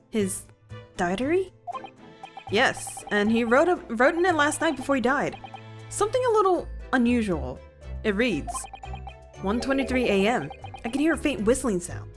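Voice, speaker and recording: A woman's voice: a little high, animated, normal speed, pauses often, soft background music, lightly acted. A woman doing a timid, pleading young woman. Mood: earnest. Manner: soft, pleading, attempted Russian accent.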